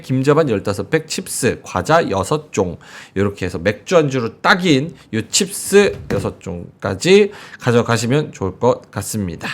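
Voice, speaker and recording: Lively-voiced male anchor doing a live pitch. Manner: brisk, salesy product pitch. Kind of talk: live market show with ad read.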